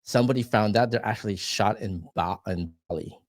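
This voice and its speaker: A young man talks in a casual, meandering way, checking in with "right?" as he goes. His voice sits on the low side. The sound is dry and close to the mic, with no room echo. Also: fairly quick. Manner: rambling, tags lines with "right?" and swears casually. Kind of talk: casual podcast chat.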